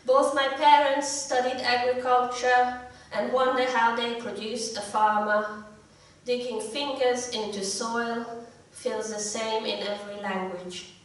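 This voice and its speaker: A middle-aged Hungarian poet, a native Hungarian speaker, reads her poetry at a live event with short spoken introductions, measured and deliberate. Her slightly croaky voice is fairly high and level in tone, picked up by a distant mic in an echoey indoor room.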